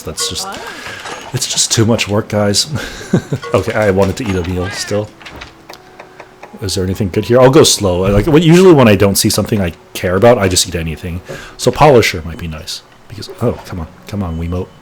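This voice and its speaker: A gaming channel host in his late thirties, his voice on the low side, chats casually while playing, with slight background noise. His gameplay commentary rambles, and he corrects himself as he goes.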